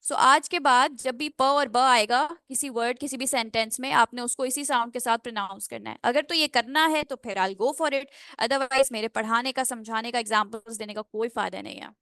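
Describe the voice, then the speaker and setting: High-voiced woman teaching pronunciation. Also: a bit bright, no room sound, clean studio sound. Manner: drills phrases slowly, syllable by syllable; mixes English into Hindi explanations. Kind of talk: online class lecture.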